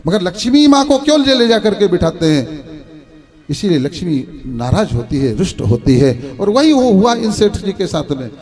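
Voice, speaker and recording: A man's voice: sits high, very animated, normal speed, darkish tone. A male spiritual teacher giving a storytelling sermon, preaching in a sing-song way and putting rhetorical questions to his listeners.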